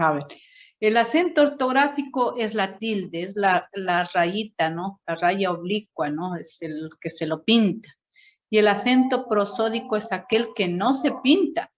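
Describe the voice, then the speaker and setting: A woman teacher explaining a grammar point slowly to a class, checking in with "no?" after each point. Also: mid-range voice, dull audio. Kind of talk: classroom teaching, correcting a student presentation.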